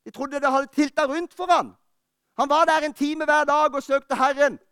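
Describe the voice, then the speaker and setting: A man preaching a fervent sermon, rising to urgent calls and then dropping to quiet, personal talk. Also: very high-pitched, fairly even intonation, dry recording, studio quality. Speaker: pastor. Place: church.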